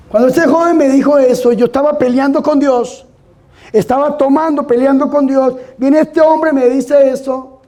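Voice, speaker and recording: High-voiced Colombian priest giving testimony. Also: male voice, dark tone. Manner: emphatic storytelling, repeatedly urging listeners to pay attention. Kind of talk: testimony talk to a live audience. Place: event hall with an audience.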